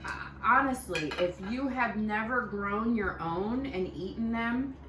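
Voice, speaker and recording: A woman's voice: on the high side, unhurried, distant mic. Chatty middle-aged woman in a roomy room. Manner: chatty, conversational. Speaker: homestead channel co-host. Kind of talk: casual chat over dinner. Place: home dining room. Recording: roomy, from the mic, faint hiss.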